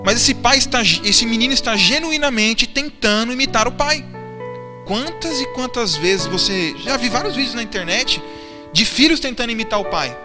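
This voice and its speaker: A man's voice: extremely high pitch, animated, normal speed. A man preaching a sermon in church, asking the congregation questions and answering them himself. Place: church hall. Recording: church sermon with long reverb and faint music.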